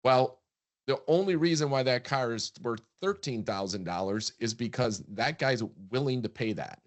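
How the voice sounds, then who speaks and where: A man's voice: mid-range voice, lively intonation, moderate pace. A man co-hosting a business podcast, talking emphatically and often repeating words as he builds a point. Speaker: podcast co-host, practice transition advisor. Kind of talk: casual podcast chat.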